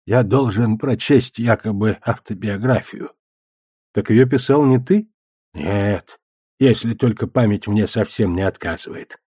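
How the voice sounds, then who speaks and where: Audiobook: musing older wizard, male narrator voicing him, mellow, husky and dry. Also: on the low side, unhurried, dry recording. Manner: wandering, thoughtful.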